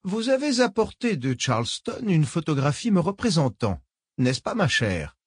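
A man voicing a sinister old woman who speaks in a soft, honeyed, menacing way. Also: a little high, sing-song, moderate pace, breathy edge, no room sound, voice pushed up. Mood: falsely sweet. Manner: honeyed, menacing, repeats "ma chère".

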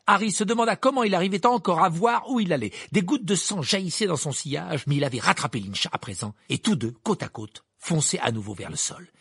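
Male audiobook narrator, expressive read, raspy texture, dry sound. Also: fairly high pitch, dry recording. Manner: expressive, animated reading. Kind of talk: scripted narration.

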